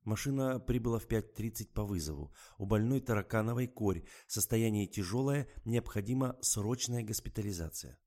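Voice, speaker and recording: A man's voice: fairly low pitch, expressive, moderate pace, few pauses, mellow, pitched above the performer's own voice. A man voicing a stern male ambulance doctor in an audiobook, speaking in an official, brusque, insistent way.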